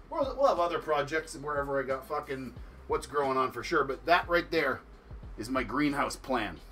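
A man's voice: medium pitch, creaky, a bit bright. A man chatting casually on a livestream about his grow tents, rambling, swearing constantly and laughing often. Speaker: home grow vlogger.

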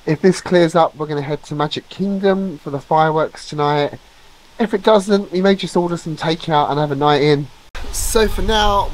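A man talks his way through a holiday vlog, his voice a little hoarse from a cold. He rambles in an easy, chatty manner, filling gaps with ums and uhs. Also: on the high side. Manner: chatty, rambling with many fillers. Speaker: travel vlogger. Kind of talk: casual vlog narration.

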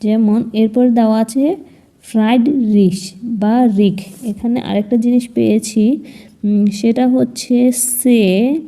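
A woman's voice: fairly high pitch, steady tone, takes it slowly, warm tone. A woman teaching German pronunciation step by step, spelling words out letter by letter. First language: Bengali. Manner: spells letters one by one, patient and explaining. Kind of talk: slow step-by-step lesson.

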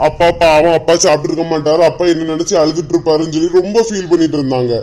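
A woman's voice: deep voice, racing, dark tone, natural voice. A woman playing a grown son who pleads with and nags his weeping father, in a Kanyakumari accent. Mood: pleading. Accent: Kanyakumari Tamil. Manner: pleading, nagging. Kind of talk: comic sketch acting.

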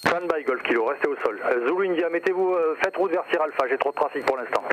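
A man gives air traffic instructions over aviation radio, heard in a pilot headset. His delivery is very quick and clipped, in a slightly high voice. Loud noise and engine drone surround every transmission.

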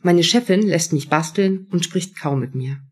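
A woman's voice: on the low side, moderate pace, darkish tone, husky. A woman author reading first-person prose from her own novel at a live event.

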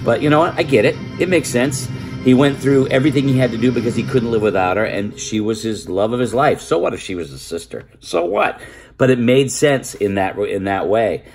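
An older man giving a casual, animated opinion rant on his vlog, exasperated and swearing freely between fillers. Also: mid-range voice, fairly quick, soft background music. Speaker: vlogger.

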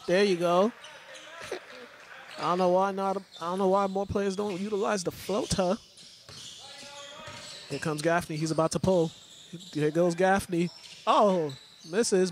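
In a large indoor school gym, a high-voiced man offers loose, chatty play-by-play of a game, repeating names and restarting phrases. Faint gym ambience, ball bounces, and slight background noise can be heard.

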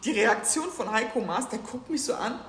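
A woman speaking as a guest at a public talk, telling an animated, slangy anecdote and acting out the dialogue. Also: fairly high pitch, moderate pace, a little hiss or hum. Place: museum event space. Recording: roomy hall sound.

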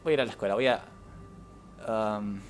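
A man's voice: lowish voice, moderate pace, slight background noise. A young man, streaming a game, reading the game's text aloud and reacting with casual, sarcastic, swearing asides.

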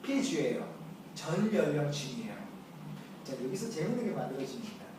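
Korean english teacher, man, fairly high voice, chatty asides, echoey classroom, distant mic, room noise. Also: sing-song. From South Korea. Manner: quick, chatty asides to students. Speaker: English instructor. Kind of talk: lecture on English listening.

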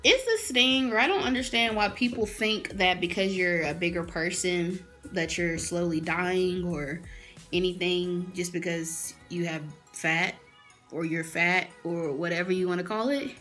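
A woman's voice: fairly low pitch, measured pace, fairly bright tone, faint music behind. A woman in her early twenties, talking straight to camera in a blunt, fired-up, swearing casual rant from a small room. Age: early 20s. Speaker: vlogger.

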